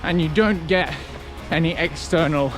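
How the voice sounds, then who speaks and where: A man talking casually to camera as a running vlogger, in a reflective, conversational way with halting short phrases. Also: fairly high pitch, over loud music. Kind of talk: casual vlog talk to camera.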